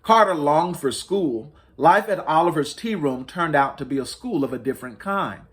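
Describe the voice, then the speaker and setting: A man with a slightly high voice hosts a storybook reading for children. He reads expressively, deliberately and emphatically, with dramatic rises and falls.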